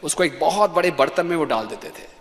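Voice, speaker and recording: Animated man preaching in a reverberant hall. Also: fairly high pitch, fairly quick. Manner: animated storytelling, acts out quoted voices, laughs with the audience. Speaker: preacher giving a scripture class. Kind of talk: sermon.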